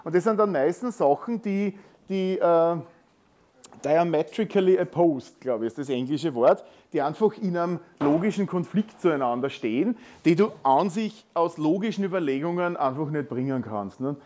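A man's voice: fairly high pitch, lively intonation, moderate pace, darkish tone. A man with an Austrian accent giving a technical conference talk in a lecture hall, conversational and full of tag questions. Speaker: conference speaker.

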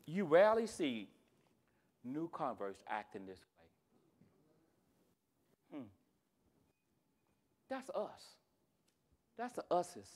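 A man teaching a church Bible class, animated and joking, dropping to quiet asides and rising to shouts. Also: fairly high pitch, slow pace, pauses often.

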